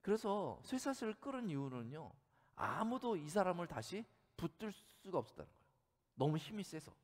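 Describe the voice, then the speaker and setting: A male pastor delivers a sermon in a chatty, storytelling way and keeps putting questions to his congregation. His slightly high voice rises and falls in a very animated way. The sound carries a long reverb from the church hall. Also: normal speed. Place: church sanctuary.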